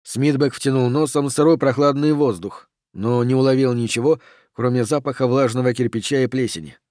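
A man narrating a thriller audiobook in a steady, measured reading. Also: medium pitch, no room sound, clean studio sound.

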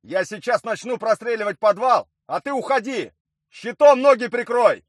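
A stern army colonel, as a male audiobook reader voices him, barking clipped orders in a high, strained register. His commands are loud and hard-edged. The sound is dry and close, with no room around it. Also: moderate pace, no echo. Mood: shouting orders.

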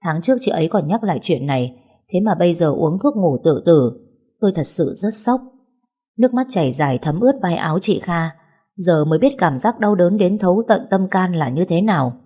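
A woman narrating a first-person novel as an audiobook, in a measured, somber reading. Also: on the low side, expressive, warm tone, slightly rough.

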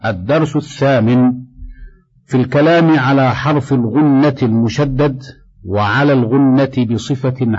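Man, lesson reader, steady dictating delivery of a tajweed text, mid-pitched voice, dull lo-fi recording. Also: breathy edge. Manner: measured, dictating, slows to recite quoted verses. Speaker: Quran recitation teacher. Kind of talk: reading a tajweed textbook aloud.

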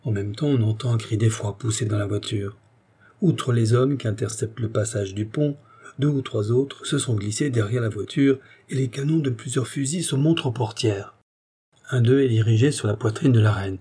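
Husky, dark-voiced male narrator. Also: medium pitch, normal speed. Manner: steady, dramatic storytelling. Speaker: audiobook narrator. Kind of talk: scripted narration.

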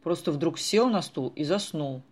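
A bewildered middle-aged man, an antiques appraiser who has just woken up from a trance, as an audiobook reader puts him on. He speaks slowly and sounds puzzled. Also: mid-range voice, animated, close to an everyday voice. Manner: bewildered, slow.

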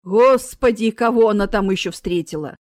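A woman's voice: fairly high pitch, big pitch swings, moderate pace, no echo. A woman voicing Death, a grumpy, menacing female boss who grumbles and threatens. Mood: grumbling.

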